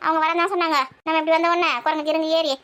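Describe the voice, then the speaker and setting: Talking at breakneck speed in a very high, bright, level voice, a woman acts out everyday village family banter. She nags and scolds the others in the household in rapid back-and-forth exchanges.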